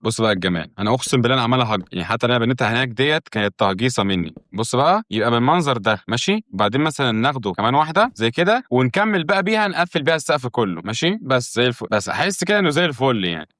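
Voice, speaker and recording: A man's voice: mid-range voice, sing-song, racing, hardly any pauses, fairly bright tone, no room sound, studio quality. A young Egyptian man casually commenting on his own gameplay, joking and rambling to his viewers. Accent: Egyptian Arabic. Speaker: gaming YouTuber. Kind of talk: casual let's-play commentary.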